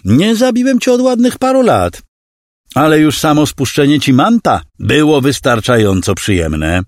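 Man doing a cruel male alien clone heavy, lifted pitch, condescending menace. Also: big pitch swings, moderate pace, no echo, studio quality. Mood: mocking menace. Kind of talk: audiobook character voice.

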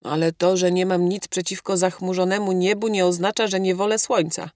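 Wry aristocrat, voiced by a female audiobook reader, low and dry, teasing understatement. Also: little pitch movement, brisk, a little mellow, no echo, natural voice. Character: male aristocrat, wry and good-humored. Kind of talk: audiobook character reading.

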